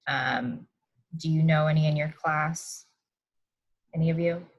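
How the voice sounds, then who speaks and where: Woman interviewer, lower voice. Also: steady tone, a little slow, muffled recording. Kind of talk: hosting an interview.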